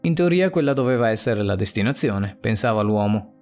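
A man narrating a suspense story in a dramatic, expressive reading. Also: on the low side, a little fast. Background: faint music.

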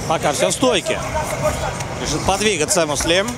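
A man's voice: a little high, expressive, moderate pace, heavy background noise. A man calling a fight live as a play-by-play sports commentator. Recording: loud arena crowd, music behind.

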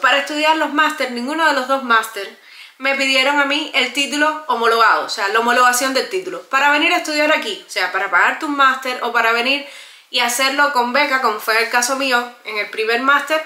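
Cuban woman vlogging, earnest and emphatic, high-ish bright voice, kinda echoey room. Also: fairly quick. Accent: Cuban Spanish. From Cuba. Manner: emphatic, earnest, addresses viewers directly. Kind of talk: casual vlog talk to camera.

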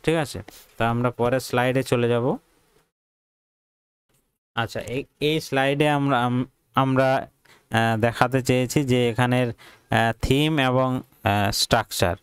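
Male tutor explaining a poem; hesitant, lots of fillers and restarts, crisp and resonant voice. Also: mid-range voice, fairly even intonation, slow pace, pauses often, no echo. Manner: hesitant, many fillers and self-corrections; mixes English terms into Bengali. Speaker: English teacher. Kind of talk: classroom poetry lesson.

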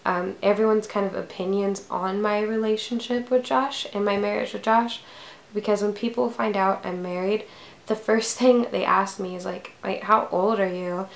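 A woman's voice: medium pitch, steady tone, moderate pace, gravelly, echoey room. A woman of twenty-one talking casually to camera in a vlog, rambling with many fillers. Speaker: vlogger.

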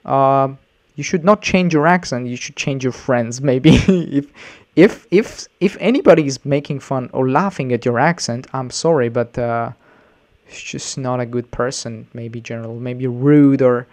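A man's voice: mid-range voice, a little slow, a little mellow. A male English teacher talking through a reaction video in a loose, rambling way, full of restarts and fillers. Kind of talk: reaction commentary.

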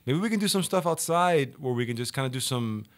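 A man's voice: medium pitch, expressive, fast talker. A man hosting a casual video chat, upbeat and talkative, often repeating words as he goes. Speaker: host.

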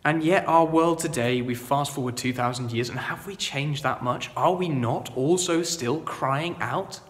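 A man preaching a sermon, earnest and conversational, moving between loud proclaiming and quiet reflection. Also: on the high side, measured pace, in a large hall. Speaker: vicar. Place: church.

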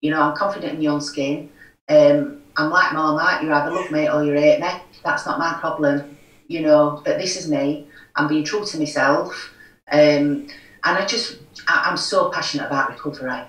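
This low-pitched, steady-toned woman talks at a moderate pace, and her tone is fairly bright. She's a middle-aged recovery forum chair from Yorkshire, England, with a broad local accent, appearing as a guest in a conversational video call interview where she speaks earnestly and frankly, leaning on "you know". She's in a home room, distant from the microphone, with plenty of echo.

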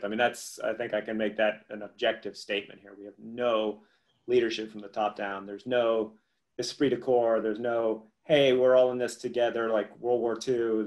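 A middle-aged man who works in museum collections, talking at length and with wry opinions on a video call. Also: on the low side. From United States. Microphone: headset on video call.

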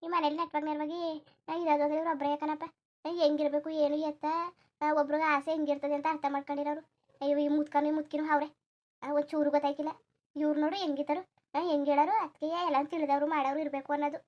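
A woman voicing a fiery young village bride in a cartoon, scolding in rapid-fire retorts with a rural Karnataka Kannada accent. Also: sits high, flat delivery, muffled recording, natural voice. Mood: muttering sulky. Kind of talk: cartoon voice acting.

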